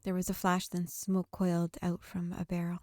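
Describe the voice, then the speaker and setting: Over soft game music, a woman hosting a gaming video reads visual novel text aloud like a storyteller. Her lowish voice is completely flat and moves at a moderate pace, recorded cleanly in a studio with no room sound.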